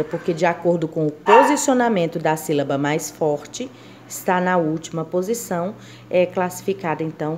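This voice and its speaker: A woman's voice: fairly low pitch, darkish tone, slight background noise. A woman teacher gives a grammar lesson, explaining step by step and voicing her students' questions.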